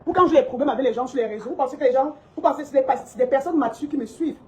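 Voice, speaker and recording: Fast, high-voiced woman scolding her followers. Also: rough recording. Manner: indignant, scolding, repetitive. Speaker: shop owner vlogging. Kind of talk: heated monologue to followers. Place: her cosmetics shop.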